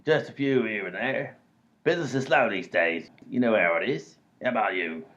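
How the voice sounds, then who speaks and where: A man's voice on the low side, fairly bright and lightly acted, voices a dim, blustering robber in a comedy radio play. He speaks at a normal speed, full of bumbling self-assurance, on dull lo-fi audio.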